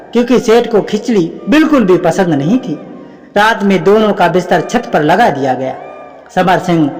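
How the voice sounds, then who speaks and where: A man narrating a humorous folk tale in a conversational storytelling manner, speaking directly to his listeners. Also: high voice. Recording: long reverb, faint background music.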